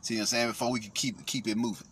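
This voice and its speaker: A man's voice: mid-range voice, steady tone, very fast, fairly bright tone, slight background noise. A man hosting casual commentary, rambling and profane, with frequent restarts. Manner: rambling, profane, frequent restarts, "see what I'm saying". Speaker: host.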